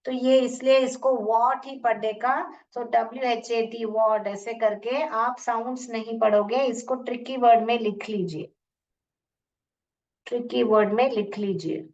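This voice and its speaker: Slow-talking Indian woman teaching phonics. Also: on the high side, steady tone, darkish tone. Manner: slow, repeats sounds and words, asks questions. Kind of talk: online class teaching. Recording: muffled, distant from the mic.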